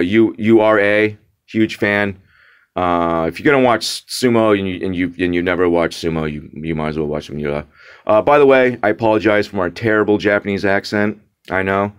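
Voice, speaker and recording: Speaking at a normal speed in a fairly low, clear, resonant voice, a young man vlogs a casual rant at his audience. His tone is mocking and exasperated, full of restarts, fillers, and words said twice for emphasis.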